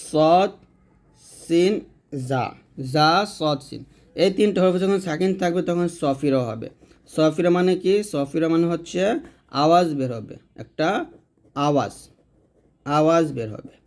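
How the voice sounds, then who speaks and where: Man, Quran reading teacher, step-by-step lesson, fairly high pitch. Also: a little mellow. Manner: repetitive, asks questions and answers them himself.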